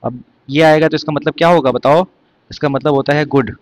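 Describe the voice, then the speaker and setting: A man's voice: on the high side, fairly even intonation, fairly quick, dry recording. A man teaching an exam vocabulary lesson, explaining words one by one and quizzing his students.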